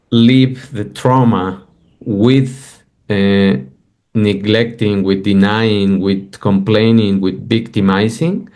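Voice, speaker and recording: Slow, low-voiced thoughtful man. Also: a little mellow. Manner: thoughtful, hesitant, many fillers. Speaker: podcast guest. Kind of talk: casual conversation.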